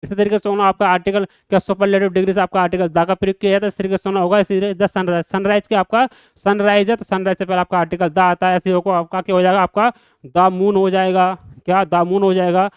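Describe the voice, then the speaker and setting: A man's voice: high-pitched, little pitch movement, fast, clear, resonant tone, dry recording. A man with a Hindi accent teaching a grammar lesson, asking students question after question and repeating each answer. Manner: repetitive drilling questions to students. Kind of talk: classroom lecture.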